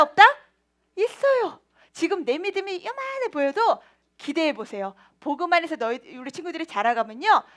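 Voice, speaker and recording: Woman preacher, children's sermon, bright high voice, very animated delivery. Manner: lively, playful, laughs often and acts out voices.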